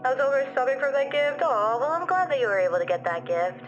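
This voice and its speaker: With a high voice and lively intonation, a young woman chats quickly while reading her livestream viewers' comments. Her softened city Australian accent comes through as she rambles, giggles, and uses many fillers. The recording is muffled, with soft background music.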